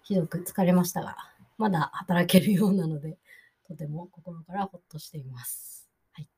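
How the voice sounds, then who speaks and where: A woman hosting a solo podcast, chatting casually with many fillers and explaining phrases, quoting English slowly. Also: medium pitch, a little mellow, husky. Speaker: podcast host.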